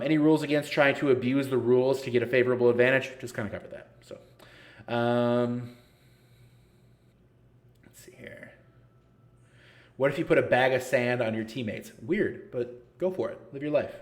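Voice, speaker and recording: This thirty-something man fields chat questions on a gaming league's casual live stream, and his answers are blunt, jokey and sarcastic. His pitch is medium and his tone steady, and he moves at a moderate pace broken by long pauses.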